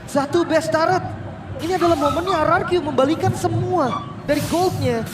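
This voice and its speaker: A man with an Indonesian accent giving live esports commentary like a game announcer, excited and dramatic with drawn-out emphasis. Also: very high-pitched, far from the mic, heavy background noise. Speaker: esports shoutcaster. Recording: echoey broadcast with loud music behind. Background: loud music.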